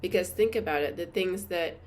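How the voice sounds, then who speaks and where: A woman hosting her own channel, chatting earnestly and reflectively to camera, with many fillers and soft laughs. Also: on the low side, fairly quick. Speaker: spiritual teacher and channel host. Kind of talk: casual reflective monologue to camera.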